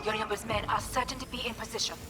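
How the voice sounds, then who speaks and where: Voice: mid-range voice, fairly even intonation, racing, lightly acted. An actor voicing a composed, cautious ally who gives mission instructions formally in a video game. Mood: serious, cautious. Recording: distant game audio over music.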